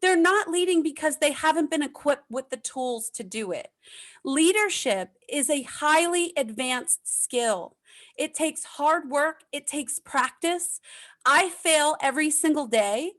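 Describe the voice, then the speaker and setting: Emphatic American woman guest, high voice, conversational. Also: animated, measured pace, fairly bright tone. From United States. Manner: emphatic, repeats points for effect. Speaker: podcast guest, leadership consultant. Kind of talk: casual interview chat.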